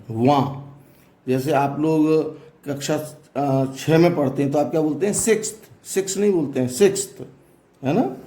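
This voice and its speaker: A man's voice: on the high side, dark tone, roomy sound. A man teaching a classroom math lesson, explaining step by step and asking students questions as he goes.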